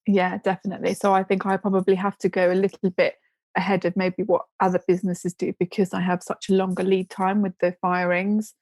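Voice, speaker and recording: A woman's voice: mid-range voice, little pitch movement, a little fast, a little mellow, no echo. A woman guest chatting casually in an interview, rambling with restarts and giggling now and then. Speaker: podcast guest, ceramics business owner.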